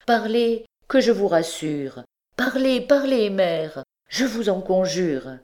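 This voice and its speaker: A woman voicing a young man, a devoted and quick-tempered son, speaking in a raised, vehement voice in an audiobook. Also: medium pitch, sing-song, darkish tone, pitched above the performer's own voice. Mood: pleading. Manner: pleading then vehement, raised voice.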